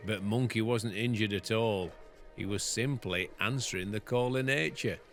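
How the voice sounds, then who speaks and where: A farmer reading a story from his own book aloud in a steady storytelling manner. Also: lowish voice, normal speed, soft background music.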